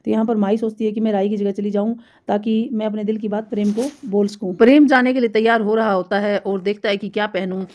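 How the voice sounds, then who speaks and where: A woman narrating a recap of a TV serial episode in a rapid, run-on retelling with fillers. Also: medium pitch, level tone, darkish tone. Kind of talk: fast story recap narration.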